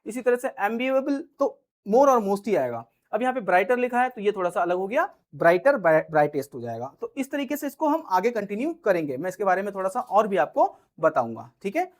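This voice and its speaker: A man teaching English grammar, who reads example sentences slowly and keeps checking that students follow. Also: high-pitched, very animated. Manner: slow, drawn-out reading of English example sentences; explains patiently, with frequent check-ins to students. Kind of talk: grammar lesson in Hindi.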